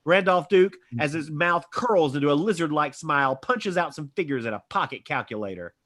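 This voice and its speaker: Slightly high-voiced man narrating a screenplay. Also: expressive, brisk, a bit bright. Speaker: narrator reading stage directions. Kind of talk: scripted narration at a live script reading.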